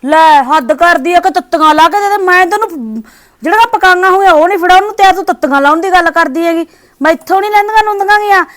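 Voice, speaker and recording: A harsh, sharp-tongued daughter-in-law, played by a woman in a village short drama. She scolds in a very high voice and talks quickly, brushing everything off. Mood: scolding. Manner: scolding, dismissive, nagging.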